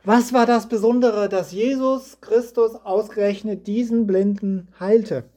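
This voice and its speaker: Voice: medium pitch, fairly even intonation, unhurried, dark tone. A preacher giving a sermon indoors in a house, reading scripture and asking the listeners reflective questions.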